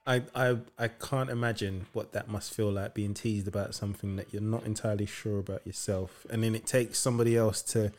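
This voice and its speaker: A man hosting a podcast in casual conversation, upbeat and quick to rattle off lists. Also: on the low side, fairly even intonation, darkish tone. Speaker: podcast host.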